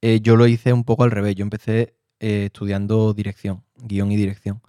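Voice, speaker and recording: A man's voice: lowish voice, monotone, moderate pace, warm tone, dry recording, clean studio sound. A man from Spain, an actor and director, telling his story in a casual interview. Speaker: interview guest. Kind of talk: casual chat.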